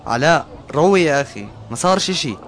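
A man playing a young teammate who tries to calm his friend down. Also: fairly high pitch, fast talker, some chatter behind, a little hiss or hum. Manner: calming, persuasive.

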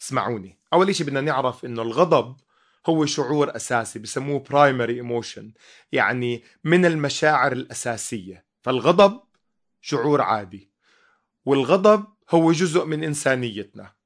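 A man's voice: mid-range voice, expressive, a little fast. A man giving a teaching sermon, emphatic and full of rhetorical questions.

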